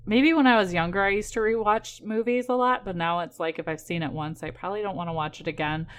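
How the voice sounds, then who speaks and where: A woman's voice: medium pitch, fast, fairly bright tone. A woman co-hosting a podcast in casual chat, telling things in an informal, jokey, rambling way. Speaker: podcast co-host.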